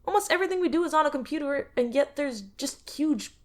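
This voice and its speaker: A woman speaks fast with an expressive, high-sitting voice, playing a young male alien office clerk in an audio drama. Bored, he whines and sneers at his pointless job, coming across sarcastic, whiny and restless.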